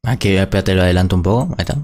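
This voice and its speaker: Casting: male reactor, blunt and cursing, lowish voice. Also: rapid-fire, a little mellow, slight background noise. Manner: indignant, blunt, swears freely. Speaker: small content creator reacting to a freestyle battle. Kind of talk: casual reaction commentary.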